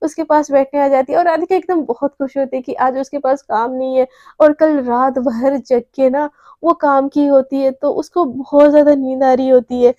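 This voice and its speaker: A woman's voice: sits high, steady tone, moderate pace, warm tone, dry recording, highs cut off. A woman narrating a romance story in a chatty, rambling way full of fillers.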